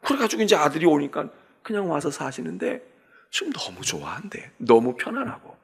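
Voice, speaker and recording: A man's voice: a little high, wildly swooping pitch, fairly quick, creaky, slightly rough. A middle-aged man, a senior pastor, giving an early-morning Lent sermon in a chatty storytelling way and often checking in with the congregation. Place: church sanctuary.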